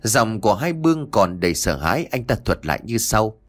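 A man narrating a spooky story in an expressive, animated storytelling manner. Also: on the low side, brisk. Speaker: audiobook narrator.

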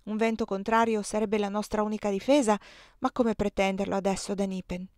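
A woman's voice: medium pitch, steady tone, a little fast, a little mellow, dry recording, close to an everyday voice. A woman reading the part of a resolute young serving woman who speaks with determined, pleading urgency, in a dry close recording.

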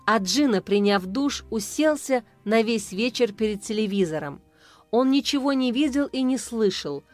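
Woman reading an audiobook, highish voice, even storytelling, quiet music behind. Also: moderate pace. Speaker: narrator. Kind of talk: audiobook novel narration.

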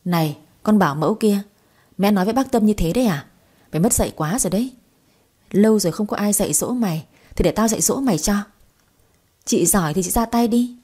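A woman voicing a spiteful young woman who scolds sharply and fast. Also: medium pitch, lively intonation, dark tone, slightly rough.

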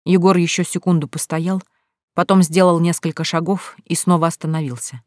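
An audiobook narrator reading scripted narration in a steady, even storytelling manner. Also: mid-range voice, normal speed, no room sound, clean studio sound.

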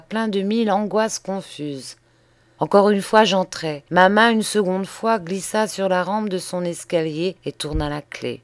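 A woman reading a classic novella aloud in a slow, measured and expressive manner. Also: lowish voice, dry recording. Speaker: audiobook reader. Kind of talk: literary audiobook narration.

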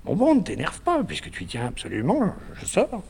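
A man's voice: high voice, huge pitch swings, brisk, creaky, darkish tone, slightly rough, heavily acted. A man playing a naive, doting man who fusses tenderly over a woman, in a 1950s stage comedy recording. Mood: worried, tender. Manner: tender, fussing and chattering. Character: doting, fussy, naive middle-aged man.

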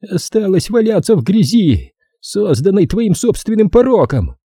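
A man's voice: high voice, big pitch swings, moderate pace, dark tone, breathy edge, no room sound, clean studio sound, voice pushed up, full character voice. A man doing a ranting fanatical phone caller. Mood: menacing. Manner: ranting, moralizing. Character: menacing male phone caller, fanatical preacher.

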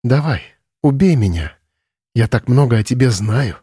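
A young woman prisoner in an audiobook, speaking in a soft, calm, steady voice, quietly defiant, as a male narrator reads her. She never raises her voice, and the sound is dry and close. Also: mid-range voice, normal speed, husky, no echo. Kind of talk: audiobook character reading.

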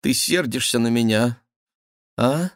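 A man's voice: medium pitch, unhurried, no echo, studio quality, voice pushed up, natural voice. A man voicing a wheedling royal duke in an audiobook, his tone coaxing and ingratiating. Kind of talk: audiobook reading.

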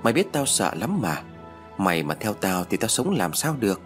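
A man's voice: lowish voice, big pitch swings, normal speed, faint music behind. A man voicing a frightened young person begging a ghost friend to leave them alone. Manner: trembling, begging.

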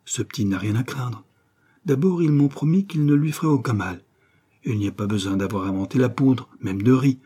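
A man's voice: fairly low pitch, mellow, slightly rough. A man reading an audiobook, voicing a middle-aged detective who mutters fretfully to himself. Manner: fretful inner musing. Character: anxious greedy middle-aged male detective.

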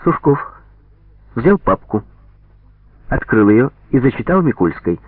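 A man's voice: medium pitch, big pitch swings, measured pace, husky, dry recording. Man narrating a story over tinny radio. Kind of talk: audiobook reading with character voices.

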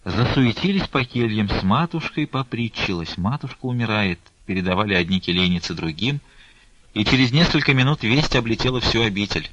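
A man narrating an audiobook in a measured, even storytelling manner, on a dull lo-fi recording. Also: lowish voice, dry recording. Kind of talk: scripted narration of a classic novel.

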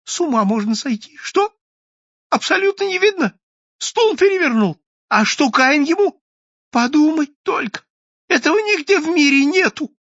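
A man's voice: very high voice, lively intonation, normal speed, a bit bright, no room sound, dull audio, voice pushed up, exaggerated voice. A man voicing a timid, fussy male office clerk who whispers anxious questions nonstop in an audiobook.

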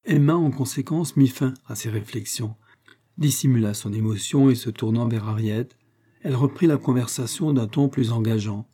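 A man narrating a classic novel as an audiobook, reading in a measured, even way. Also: mid-range voice, breathy edge.

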